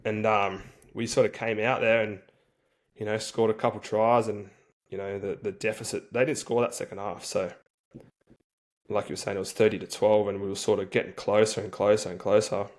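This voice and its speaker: Man, lowish pitch, interview guest, casual storytelling, laid-back, colloquial slang. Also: level tone, a little fast. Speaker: interview guest, rugby league player for a national team.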